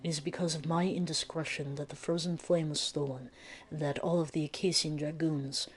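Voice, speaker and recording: Woman reading as a confused, grieving old man, low voice, music under the lines. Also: darkish tone. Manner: rambling, lamenting. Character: grief-stricken, rambling old man in a manor. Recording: game music playing underneath.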